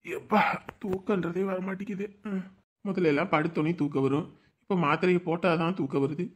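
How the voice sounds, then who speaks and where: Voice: medium pitch, steady tone, a little fast, close to an everyday voice. A voice actor as a weary, muttering old man. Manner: muttering to himself, tired.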